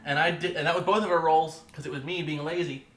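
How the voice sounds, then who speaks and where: A man running a tabletop game as game master, relaxed and laughing often. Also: on the high side, fast talker. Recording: roomy room, background noise.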